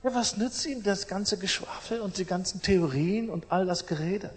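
Middle-aged man, preaching, emphatic, repeats phrases, fairly high voice, long hall reverb. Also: moderate pace, breathy edge. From East Germany. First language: German. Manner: emphatic, swings between loud and soft, repeats phrases. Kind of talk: sermon.

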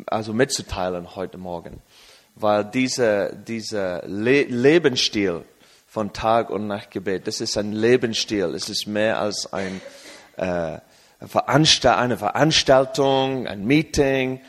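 A man from England preaching at a church service, speaking German hesitantly with many fillers, then in English for an interpreter. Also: fairly low pitch. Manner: rises to an emphatic, raised preaching voice in English. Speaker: guest preacher. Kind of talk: sermon with live interpreter.

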